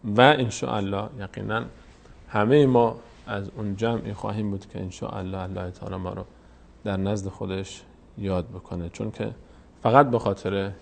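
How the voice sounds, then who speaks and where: A man teaching a step-by-step Quran reading lesson, patiently explaining each vowel mark and repeating words slowly. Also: on the low side, fairly even intonation, vocal fry.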